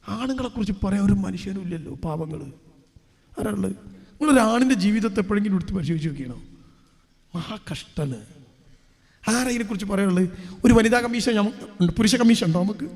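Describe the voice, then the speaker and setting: High-voiced preacher in a reverberant hall. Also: male voice, expressive, quick pace, creaky, pauses often, darkish tone. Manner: preachy, full of rhetorical questions to the crowd. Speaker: Islamic preacher. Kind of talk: public religious speech.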